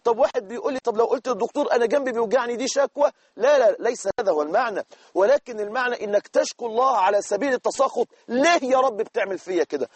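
A high, husky male voice with an Egyptian accent, preaching at a quick clip. He speaks straight to the listener in an earnest, exhorting way. The sound is close and dry, with no room around it. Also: no room sound. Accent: Egyptian Arabic. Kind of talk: sermon.

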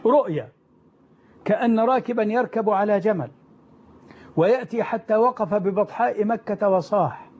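High-voiced man telling a story. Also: moderate pace, long pauses. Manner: emphatic, repeats and rephrases lines for effect. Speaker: religious storyteller. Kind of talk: retelling early Islamic history. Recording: dull lo-fi recording.

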